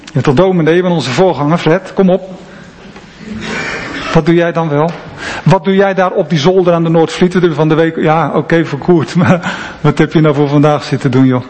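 Male pastor, earnest and reflective sermon, fairly high voice, long church echo. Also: fast, darkish tone. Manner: earnest, reflective, drops to near-whisper at times. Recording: long church reverb, faint ambient noise.

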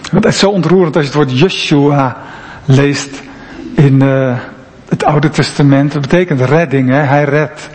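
A man's voice: a little high, unhurried, a little mellow. A man, a pastor, preaching an earnest, reflective sermon in a church. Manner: earnest, reflective, drops to near-whisper at times. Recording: long church reverb, faint ambient noise.

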